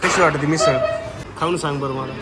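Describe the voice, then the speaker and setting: A man's voice: fairly high pitch, steady tone, brisk, heavy background noise. Chatty man vlogging outdoors. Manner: chatty, addresses viewers directly. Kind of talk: casual vlog narration. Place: outdoors, farm and village.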